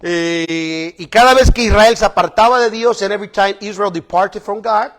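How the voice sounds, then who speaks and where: Man, bishop preaching, bilingual sermon, high-pitched, animated. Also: normal speed. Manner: switches between Spanish and English, animated with laughs.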